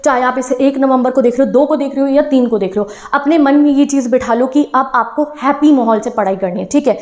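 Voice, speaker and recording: A woman's voice: high-pitched, fast, darkish tone. A young woman teacher giving an encouraging talk to exam students, switching between Hindi and English phrases. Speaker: online teacher.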